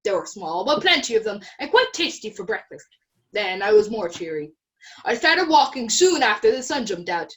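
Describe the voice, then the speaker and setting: A woman's voice: medium pitch, very animated, normal speed, fairly bright tone. A woman voicing a cheerful young male wolf cub, reading out a storybook letter in a chatty, matter-of-fact way.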